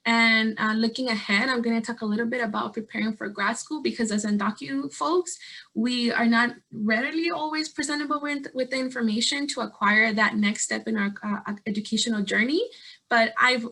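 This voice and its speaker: A woman's voice: on the high side, steady tone, a little fast, gravelly, sharp tone. A young woman from Guatemala, a community organizer, presenting earnestly over a video call with frequent fillers and restarts. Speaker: statewide organizer and guest speaker.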